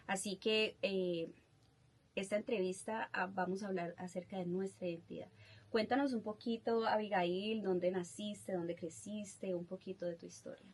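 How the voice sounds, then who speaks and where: Woman podcast host, middle pitch, affirming interviewer. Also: steady tone, moderate pace. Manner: warm, affirming, frequent fillers.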